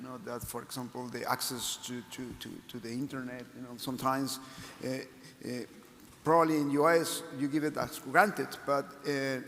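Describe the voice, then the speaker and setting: Halting, stammering man on a panel. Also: medium pitch, vocal fry, fairly bright tone, a little hiss or hum. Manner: halting, stammering, tag questions. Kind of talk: panel discussion answer. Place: large conference hall. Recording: reverberant hall.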